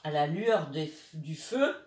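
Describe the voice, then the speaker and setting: A woman reads a children's bedtime story slowly and expressively, her voice on the lower side. She stops now and then to speak to the children. The sound is roomy and a little distant from the mic. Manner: slow, expressive reading with asides to children.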